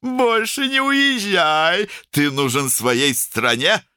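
A man's voice: high-pitched, expressive, takes it slowly, pushed and bright, clear, resonant tone, no echo, studio quality, voice pushed up, exaggerated voice. A man voicing an outspoken middle-aged woman doctor who talks emphatically and teases. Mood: emphatic. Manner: emphatic, scolding, teasing.

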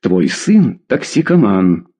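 A man voicing an enraged middle-aged father who hurls pompous threats at his son, with a husky, lively voice. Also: medium pitch, slow, exaggerated voice. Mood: indignant.

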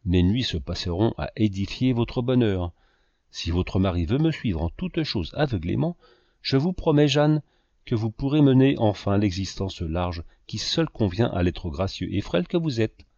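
A man reading the lines of a scheming, self-pitying man who flatters and presses a young woman, in a low voice with a lively pitch. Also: normal speed, dry recording. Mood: insistent. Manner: insistent, flattering. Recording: dull lo-fi dry recording.

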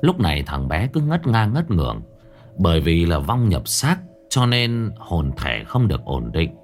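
A man narrating a ghost story in a dramatic, expressive way. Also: deep voice, unhurried. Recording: faint background music under narration.

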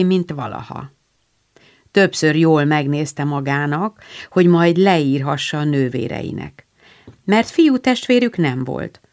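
A woman narrating an audiobook, reading dialogue in a lively, playful way. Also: low voice. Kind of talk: audiobook narration with character voices.

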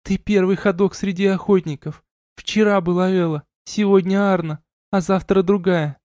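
Drunk tearful young sorceress, sobbing, slurred, accusing, high and piercing, as a man puts her on, dry booth sound. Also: fairly even intonation, moderate pace, darkish tone, no echo, natural voice. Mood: angry. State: crying.

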